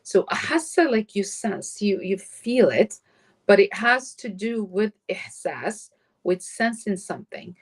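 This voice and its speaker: Woman teaching arabic online, slow and patient, reads out examples. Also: medium pitch, expressive, slightly rough. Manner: patient, explains slowly, mixes English and Arabic. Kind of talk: live online Arabic lesson. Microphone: computer mic on a live stream.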